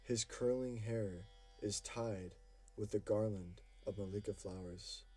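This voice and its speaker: A man reading devotional verses for an audiobook in a slow, measured, reverent delivery. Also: on the low side, dark tone, slightly rough. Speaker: audiobook reader. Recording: music playing faintly behind.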